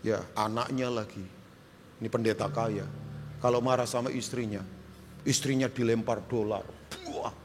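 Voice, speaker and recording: A middle-aged man preaching a sermon as pastor, joking and swinging from loud shouts to quiet asides. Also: mid-range voice, fairly even intonation, moderate pace, pauses often, noisy background. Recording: reverberant church hall.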